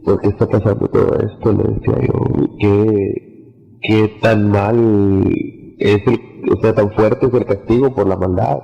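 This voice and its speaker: Low gravelly preacher in a reverberant hall. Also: male voice, steady tone, a little slow. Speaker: preacher recounting a vision. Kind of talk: testimony sermon. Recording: dull lo-fi audio with long reverb.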